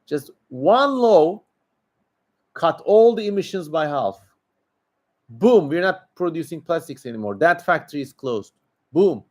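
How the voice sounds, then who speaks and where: With long pauses and a measured pace, a Turkish-accented livestream host from Turkey replies to viewers in a fairly high, very animated voice. His casual answers are opinionated, emphatic and rambling.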